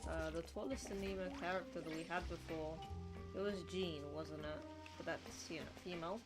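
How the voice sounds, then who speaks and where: A woman's voice: lowish voice, fairly even intonation, moderate pace. A woman streaming a game with casual commentary, musing and thinking aloud. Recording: loud game music behind the voice. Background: game music.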